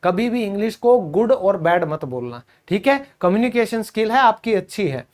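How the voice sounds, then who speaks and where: A man teaching spoken English to beginners, repeating each word slowly and calling his learners friends. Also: sits high, big pitch swings.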